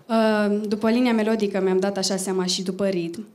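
A woman contestant on a TV show, answering with quick, modest replies. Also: mid-range voice, fairly even intonation. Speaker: singing contestant. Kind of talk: TV contest, folk singing and chat.

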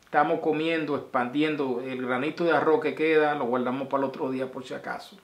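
A man's voice: medium pitch, steady tone, a little fast. A man, talking casually and affectionately to his viewers in a video message, rambling and sending blessings from a small room at home. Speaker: vlogger. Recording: roomy echo.

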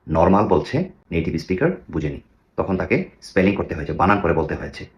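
A man with a very low voice gives a pronunciation lesson. He asks rhetorical questions and repeats each model word several times for his listeners. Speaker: English pronunciation teacher.

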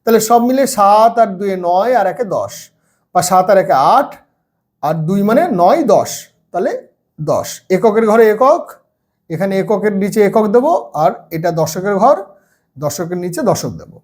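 A man's voice: high-pitched, animated, normal speed, a little mellow. A man, teaching first-grade maths in a casual video lesson, patient and step by step with everyday examples. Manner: clears throat now and then.

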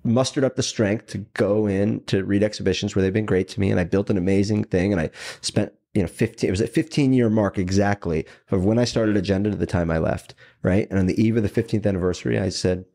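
With a voice on the low side and a creaky texture, a CEO on a podcast recounts his career quickly and animatedly, acting out the voices of those he quotes.

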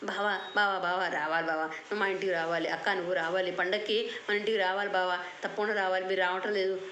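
A woman voicing an innocent little village boy who pleads and insists over and over, quick and roomy. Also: lowish voice, fairly even intonation, a bit bright, slight background noise, lightly acted. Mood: pleading.

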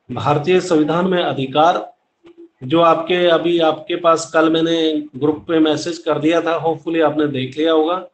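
A middle-aged man teaching an online class, explaining step by step, mixing English terms into Hindi and speaking straight to his students, recorded on a laptop webcam at home. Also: a little high. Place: small room at home with plain wall, indoors. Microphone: laptop webcam at close range. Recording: echoey room with faint background hiss.

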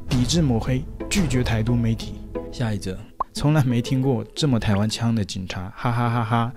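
Sarcastic young man with a Taiwanese lilt. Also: lowish voice. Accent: Taiwanese-accented Mandarin. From mainland China. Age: young adult. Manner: sarcastic, mocking, animated. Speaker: YouTuber guest. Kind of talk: reading and rebutting viewer comments.

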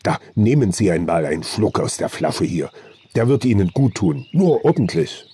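A man's voice: lowish voice, big pitch swings, moderate pace, mellow, slightly rough, exaggerated voice. A man reading an audiobook, voicing a good-natured old male forest hunter with folksy, earthy speech. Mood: uneasy.

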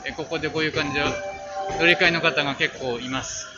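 A man's voice: a little high, fairly even intonation, quick pace, very noisy. A man narrating a train trip casually as a vlogger. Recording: slightly dull audio under loud music.

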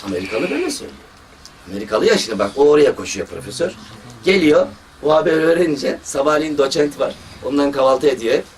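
A man's voice: mid-range voice, fast talker. A man, a surgeon, giving a religious talk and telling stories from his work, quoting people as he goes. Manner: storytelling, lively quoting of others. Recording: distant mic with faint background noise.

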